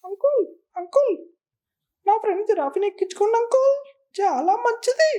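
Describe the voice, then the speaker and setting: Cartoon squirrel, young and excitable, a woman voicing it: very high, mellow tone, pleading and chatty. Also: brisk. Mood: eager. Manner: urgent, repeatedly calling out and begging. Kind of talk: cartoon voice acting.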